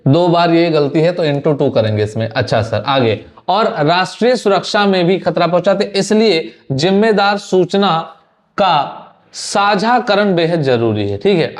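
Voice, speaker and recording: A young man with a slightly higher voice runs through a student's exam answers. He speaks Hindi in a loose, conversational way and often repeats a word. English phrases keep turning up in his speech. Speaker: exam prep teacher. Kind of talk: Hindi lesson reviewing an answer sheet.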